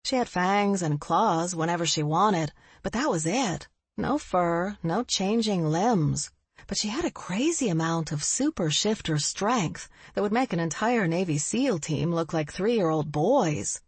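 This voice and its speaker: Woman narrator, husky, lower voice, dry booth sound. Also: expressive, a little slow, no echo. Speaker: audiobook narrator. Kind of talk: scripted audiobook narration.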